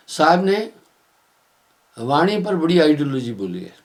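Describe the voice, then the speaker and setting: A man giving a sermon as a spiritual teacher, telling moral stories in an unhurried way and chanting verses slowly. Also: a little high. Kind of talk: sermon with storytelling.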